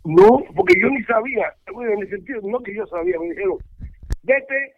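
An older man, a former ballplayer turned baseball analyst, telling stories in a rambling, animated way with many restarts. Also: high-pitched, quick pace, a crowd in the background. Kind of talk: casual interview over the phone. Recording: tinny phone line, dry.

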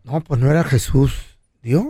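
A man's voice: medium pitch, normal speed, dark tone, husky, no echo, clean studio sound. A man with a Mexican accent hosting a comedy radio show, telling a story in slangy, dramatic, teasing style.

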